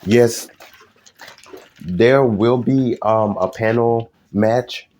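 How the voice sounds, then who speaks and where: A man's voice: mid-range voice, extremely slow, a little mellow. A young man live streaming, talking casually to his viewers in a rambling, hesitant way with many fillers and restarts.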